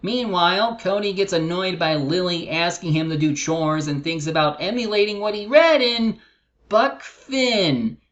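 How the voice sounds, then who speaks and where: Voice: mid-range voice, a little slow, a bit bright, lo-fi sound. A co-host narrating a scripted cartoon review, recapping the episode as commentary.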